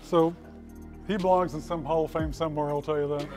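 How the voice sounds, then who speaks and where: A man near seventy speaks into a podium microphone in a school hall, his voice pitched a little high for a man. He tells stories from his youth in an easygoing, folksy way, slipping in dry, understated jokes. Faint music sits far behind him. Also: steady tone, brisk. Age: 60s. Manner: folksy storytelling with dry humor. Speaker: hall of fame inductee. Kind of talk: acceptance speech. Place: school hall with brick walls.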